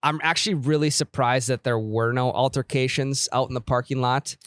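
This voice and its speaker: Young male co-host, casual banter, mid pitch, dry close mic. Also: fairly even intonation, a little fast, fairly bright tone, no echo. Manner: joking, riffing on the topic. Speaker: podcast co-host. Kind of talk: casual chat. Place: simulator studio. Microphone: studio microphone.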